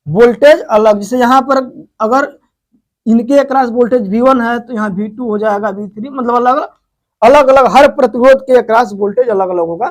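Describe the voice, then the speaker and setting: A man teaching a physics lesson, who keeps asking questions and answering them himself as he explains step by step. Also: very high-pitched. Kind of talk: whiteboard lesson.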